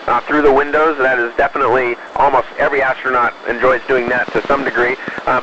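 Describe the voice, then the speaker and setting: A man, an astronaut, answering questions over a space radio link in a measured, explanatory way with hesitant pauses. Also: medium pitch, highs cut off, very noisy. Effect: space radio transmission. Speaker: astronaut aboard the space station. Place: inside an orbiting space station.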